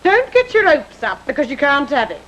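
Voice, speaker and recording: A haughty fairy-tale stepmother, high-pitched and theatrical. Her condescending, falsely sweet delivery swings widely in pitch, as she schemes in a comic television tale. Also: huge pitch swings, moderate pace, a bit bright, highs cut off, a little hiss or hum, full character voice.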